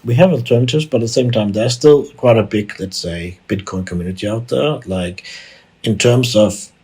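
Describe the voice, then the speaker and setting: A Danish tech executive appears as a podcast guest, giving unscripted, conversational interview answers in a very low, strongly husky and rough voice. His tone is warm and his speed normal, though he often restarts and repeats words.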